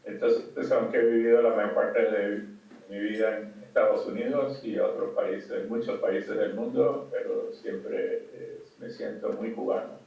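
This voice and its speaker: An older man from Cuba giving a conference talk over a video call, halting with many fillers and restarts. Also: fairly low pitch, fairly even intonation, creaky. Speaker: conference speaker. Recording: distant, dull, echoey call audio.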